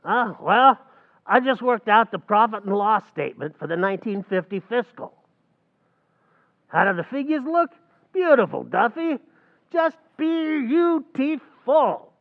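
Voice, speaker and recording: A stage actor recreating an old-time radio comedy plays a scheming, fast-talking tavern manager, using a gravelly, high voice with big pitch swings and streetwise, mangled grammar. His heavily acted delivery is unhurried and wheedling. The audio is muffled and echoes as if in a long hall.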